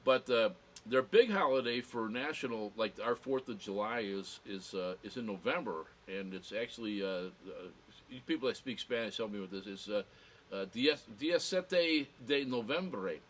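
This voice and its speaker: A man's voice: medium pitch, lively intonation, moderate pace. A man with a Chicago accent chats casually as a livestream host, rambling in a wry, self-deprecating, joking way. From Chicago, United States. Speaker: host of a livestream entertainment show.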